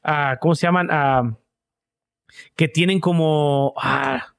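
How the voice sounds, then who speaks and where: A man's voice: fairly high pitch, steady tone, takes it slowly, smooth. A young Mexican man co-hosting a podcast, telling jokes in slangy casual chat and tacking "güey" onto nearly every phrase. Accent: Mexican Spanish. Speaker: podcast co-host.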